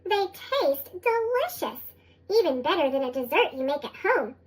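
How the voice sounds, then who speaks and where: A narrator reads a children's storybook aloud from a script, expressive and sing-song, at a moderate pace. The voice is high because it runs through a sped-up chipmunk effect, aimed at young children.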